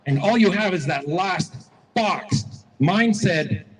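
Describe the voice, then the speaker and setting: Guy with a high voice telling folksy stories at a rally, long echo off the square. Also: expressive, takes it slowly, very noisy. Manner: folksy, repetitive, storytelling. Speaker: rally speaker. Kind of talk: motivational speech to a crowd. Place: outdoor public square rally.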